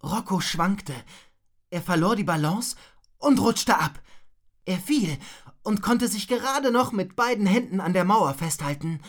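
A woman reading a children's story aloud, slow and expressive, doing character voices. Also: medium pitch.

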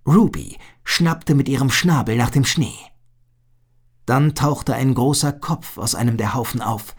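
A man reading a children's adventure story aloud as narrator, slowly and expressively. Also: medium pitch, breathy edge.

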